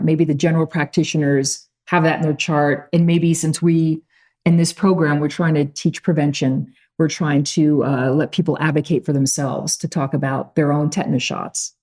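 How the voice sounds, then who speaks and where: A woman's voice: deep voice, steady tone, normal speed, a little mellow. A woman hosting a health talk show, chatty and joking, asking her guests long questions. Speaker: host.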